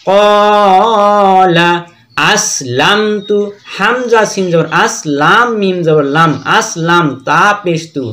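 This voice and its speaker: Male Quran teacher with a Bangladeshi Bengali accent, high voice, slow deliberate drilling of each syllable. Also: sharp tone. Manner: slow letter-by-letter drilling with sung recitation. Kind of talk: spelling out Quran recitation.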